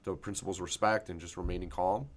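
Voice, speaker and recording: A man with a low voice hosts a casual podcast chat. He tells his stories at a quick clip, rambling along and acting out what people said. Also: steady tone. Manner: rapid, rambling anecdotes with acted-out quotes. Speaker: podcast host.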